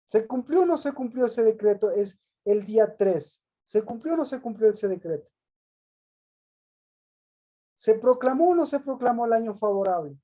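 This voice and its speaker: High-voiced male pastor quizzing a congregation. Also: lively intonation, moderate pace, warm tone. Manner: questioning, repeats answers back, calls people by name; reads scripture aloud. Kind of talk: interactive Bible teaching with questions to the congregation.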